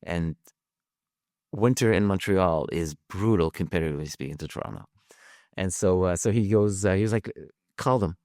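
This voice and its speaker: Appearing as a guest on a podcast, a man from Lebanon, a native French speaker, recounts his story casually in a low voice with a darkish tone. His speech is halting and full of fillers and restarts, with casual swearing along the way, and the studio recording is dry.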